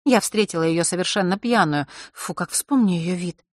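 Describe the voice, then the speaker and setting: A man voicing a stubborn, quick-tempered teenage girl in an audiobook, talking in a raised, indignant voice. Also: sits high, dry recording, studio quality, close to an everyday voice. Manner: indignant, defensive.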